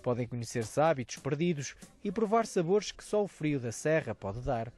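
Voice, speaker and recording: A man's voice: on the high side, big pitch swings, darkish tone, breathy edge, faint music behind. A man with a European Portuguese accent, reading a scripted news voice-over as a reporter. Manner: brisk, measured narration.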